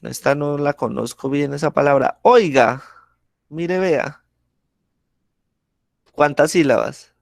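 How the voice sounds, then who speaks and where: A man's voice: a little high, slow pace, creaky, pauses often, no room sound. Male teacher explaining a lesson unhurriedly, keeps checking the class follows, dry sound. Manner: patient, explains step by step with examples.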